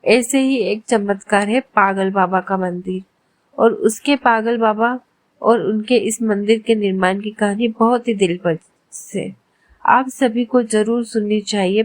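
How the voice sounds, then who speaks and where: A woman calmly and reverently narrating a devotional religious story. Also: mid-range voice, a little slow, no echo.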